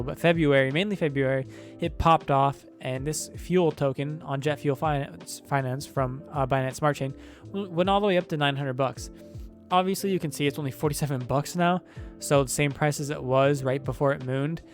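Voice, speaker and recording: A young man rambles casually through his screen, full of fillers and restarts. His mouth is sore, so the words come with a little effort, and his voice sits a bit high. Soft guitar music plays faintly underneath. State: sore mouth, talking with difficulty. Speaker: crypto channel host. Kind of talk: casual screen-share commentary.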